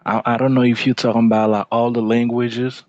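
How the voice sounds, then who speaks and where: A man's voice: medium pitch, little pitch movement, a little fast, darkish tone, no echo, muffled recording. A Haitian man with a Haitian accent, answering hesitantly and apologetically in a video-call debate. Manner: hesitant, apologetic, repeats himself. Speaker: debate participant.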